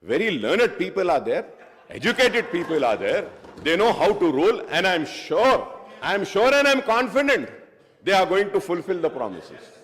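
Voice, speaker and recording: A man's voice: high-pitched, very animated, extremely slow, fairly bright tone. A man giving an argumentative speech as a legislator on the assembly floor, moving between English and Hindustani. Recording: echoey assembly hall.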